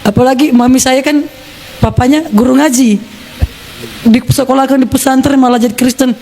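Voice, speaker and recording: A man's voice: very high-pitched, steady tone, normal speed, vocal fry, a little mellow, a little hiss or hum. A man from South Sulawesi giving a personal testimony to a church congregation, telling his story vividly with frequent laughs. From South Sulawesi, Indonesia. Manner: storytelling, acts out quotes, laughs often.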